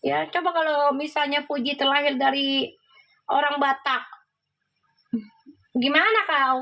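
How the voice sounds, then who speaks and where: A woman's voice: sits high, level tone, normal speed, fairly bright tone, rough recording. A woman hosting a casual livestream, chatting and reacting to viewer comments, laughing often.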